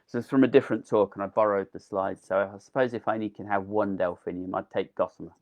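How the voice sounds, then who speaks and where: A man with a low-ish, slightly mellow voice and steady tone talks fast during a casual online gardening talk given live. As a delphinium grower, he's eager and chatty with lots of ums, though his voice is giving out.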